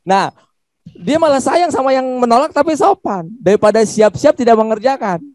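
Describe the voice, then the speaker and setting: A man speaking as a coach in an online seminar, answering questions politely and deferentially, with lively intonation over a video call. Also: extremely high pitch, normal speed, dry recording.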